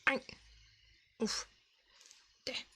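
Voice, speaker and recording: A woman hosts an ASMR livestream, murmuring slowly near the microphone in a breathy, hushed voice that often slips into a whisper. There's slight background noise.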